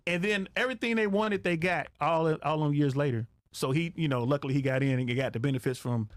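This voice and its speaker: In a studio-quality clip with no room sound, a retired air traffic controller in middle age speaks briskly in a fairly high voice. He's a podcast guest with an emphatic, slangy, casual style who keeps repeating phrases for effect.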